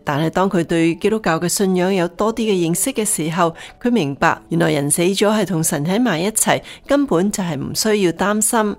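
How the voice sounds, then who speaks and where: A woman's voice: lowish voice, fairly quick, hardly any pauses. Woman hosting a faith radio show. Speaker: radio program host. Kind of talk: scripted program introduction and interviewing.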